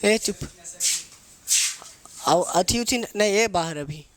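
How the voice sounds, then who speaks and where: High-voiced man drilling a class. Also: crowd noise. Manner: call-and-response drilling, asks students to repeat each answer; spells and dictates English phrases very slowly. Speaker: English teacher. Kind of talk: classroom grammar lesson. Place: classroom with students.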